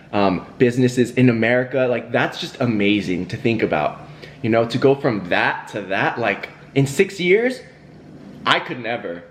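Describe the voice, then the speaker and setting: Between bites, a young man talks to the camera for his mukbang video, laughing and rambling with plenty of fillers and self-talk. His voice is medium-pitched, with slight background noise in the recording.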